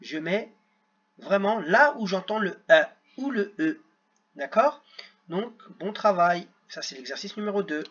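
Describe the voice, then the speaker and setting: A man's voice: sits high, expressive, a little slow, fairly bright tone, lo-fi sound. A man teaching young children at a computer, sounding out words syllable by syllable. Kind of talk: screen-recorded lesson for children.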